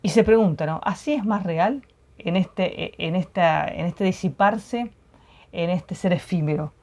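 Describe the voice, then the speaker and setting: A woman, co-hosting a poetry program, reading poems aloud and discussing them in a measured, reflective way. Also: on the low side, darkish tone. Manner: reflective, measured, frequent tag questions.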